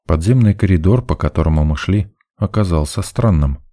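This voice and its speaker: Low-voiced guy reading a first-person adventure audiobook, wry chatty tone. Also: expressive, moderate pace, warm tone, no echo, clean studio sound. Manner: wry, conversational storytelling. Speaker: audiobook narrator.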